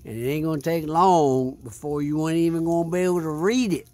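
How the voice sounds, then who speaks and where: A man's voice: a little high, fairly quick, mellow, no echo. A man hosting a casual outdoor beer review by a fire, rambling and repeating himself in a laid-back way. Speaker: vlog host.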